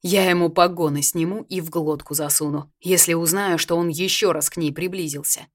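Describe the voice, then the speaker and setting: Woman reading as a gruff hot-tempered young man. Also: fairly low pitch, steady tone, a little fast, natural voice. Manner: growling, curt.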